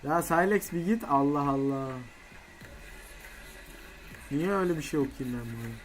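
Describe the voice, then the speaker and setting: A young man streaming a game live, swearing a lot and shouting repeated chants to rally his viewers. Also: a little high, expressive, fast talker, faint music behind.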